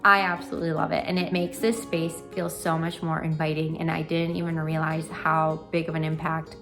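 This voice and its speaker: A woman's voice: low-pitched, little pitch movement, a little fast, fairly bright tone. A young adult woman chatting through a home makeover reveal in a gushing, enthusiastic way, stressing and stretching key words. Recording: music behind the voice. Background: background music.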